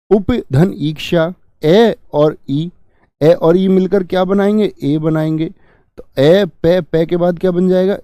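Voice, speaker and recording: A young man with a Hindi accent teaches a grammar lesson online, going step by step and posing questions he then answers himself. His voice is fairly high and warm, recorded with studio quality and no echo, and he addresses his viewers as friend and brother.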